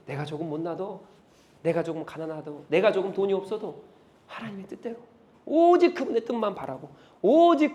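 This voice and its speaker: A male pastor preaches with a high-pitched voice. He is emphatic and fires off rhetorical questions. His volume swings between loud stresses and hushed lines. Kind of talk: sermon.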